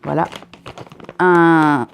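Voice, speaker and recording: Chatty young woman with a gravelly voice. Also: deep voice, background noise. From northern France near the Belgian border. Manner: chatty, self-interrupting, jokey asides. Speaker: vlogger reviewing a subscription box. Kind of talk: casual unboxing chat.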